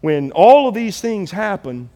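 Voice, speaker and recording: Animated male preacher in a reverberant hall. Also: high-pitched, unhurried, highs cut off. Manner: animated, acts out quoted biblical figures. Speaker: pastor. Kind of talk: sermon.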